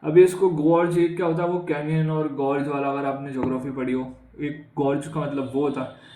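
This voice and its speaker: This Indian-accented man has a voice on the high side, warm and level, and he speaks briskly. His exam vocabulary lesson is chatty, with questions repeated to the class and frequent use of "guys," captured in a roomy, rough recording.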